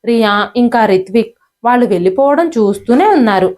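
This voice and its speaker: Woman reading a storybook tale, steady and even, kinda high voice. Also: brisk. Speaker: narrator. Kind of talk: scripted storybook narration.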